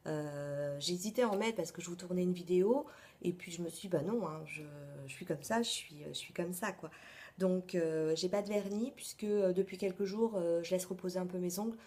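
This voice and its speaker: A woman talks to camera about her beauty favorites. Her voice sits a little low, and her delivery is chatty and full of pauses and asides. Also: mellow. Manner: chatty, many hesitations and asides. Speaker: beauty vlogger. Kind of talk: casual beauty favorites vlog.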